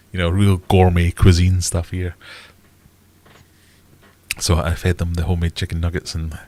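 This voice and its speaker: Middle-aged British man, low-pitched and stuffed-up nose, blunt and wry livestream host, loose conversational delivery. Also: flat delivery, unhurried, warm tone. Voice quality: bunged-up, congested nasal voice. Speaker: livestream host answering viewer questions. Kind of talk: casual livestream chat.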